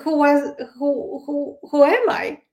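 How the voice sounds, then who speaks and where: A Polish woman appears as a guest psychic medium in a casual interview chat, speaking hesitantly with lots of fillers and restarts. Her voice is high and animated, with a dark tone and a slow pace.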